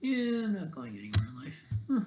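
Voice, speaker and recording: A man making solo online videos chats loosely about his ideas in a fairly high, very animated voice, pausing, trailing off, switching thoughts and adding little questioning checks. The sound is strongly echoey, like an untreated room, with a noisy background.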